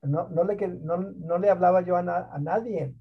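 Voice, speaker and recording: A man from Mexico speaks with a high, gravelly, husky voice. He tells his story in an emphatic, animated way as an interview guest, and the audio sounds muffled and lo-fi, like an online call. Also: normal speed. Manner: animated, emphatic storyteller who mixes in English words. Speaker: guest, school district program director.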